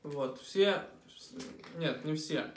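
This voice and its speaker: A man's voice: on the high side, very slow. A young man chatting casually for a mukbang vlog, talking while he eats at a table. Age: young adult. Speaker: vlogger. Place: small room at a dining table. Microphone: camera across the table. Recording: roomy, distant mic, clinking cutlery noise.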